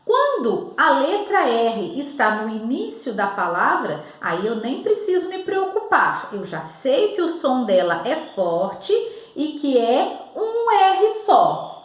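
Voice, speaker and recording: A Brazilian woman teaching young children to spell, slow and over-enunciating as she talks straight to the child. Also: sits high, sing-song. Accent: Brazilian Portuguese. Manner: patient, over-enunciating, addresses the child directly. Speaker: primary school teacher. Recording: echoey room.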